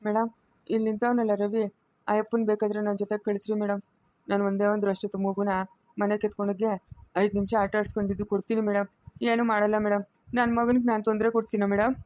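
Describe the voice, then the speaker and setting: A woman's voice: mid-range voice, little pitch movement, fast, a little mellow, dull audio, close to an everyday voice. A woman acting a desperate estranged father who begs to hold his baby son, deferential and pleading, with a Chikkaballapur Kannada accent, in an amateur family drama. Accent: Kannada of Chikkaballapur area. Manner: pleading, deferential, keeps saying madam.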